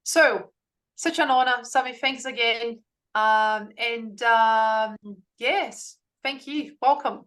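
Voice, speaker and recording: A woman's voice: fairly high pitch, takes it slowly, fairly bright tone. Woman hosting an online talk, intro then questions, kinda hesitant, um um um. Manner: hesitant, many um fillers and restarts. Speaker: host. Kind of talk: introducing a guest and interviewing.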